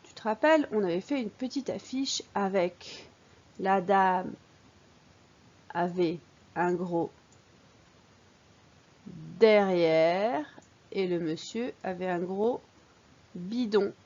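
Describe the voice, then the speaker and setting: A woman's voice: medium pitch, takes it slowly, pauses often, darkish tone. A woman, teaching early reading to young children and patiently sounding out syllables. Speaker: primary school teacher. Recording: dull lo-fi recording.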